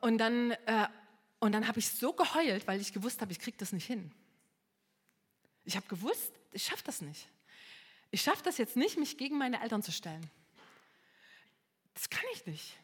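A middle-aged woman from East Germany gives a heartfelt personal testimony, talking impulsively and swinging between hushed and loud. Her voice sits a little high and sounds husky. It carries in a large hall with a long echo. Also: animated, normal speed, pauses often. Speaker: speaker giving a personal testimony. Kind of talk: emotional personal testimony to an audience.

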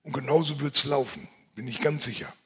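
Husky breathy guy giving a sermon, chatty and confiding, goes quiet then booms. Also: sing-song, a little fast. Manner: conversational, confiding, swings between hushed and loud. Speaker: preacher.

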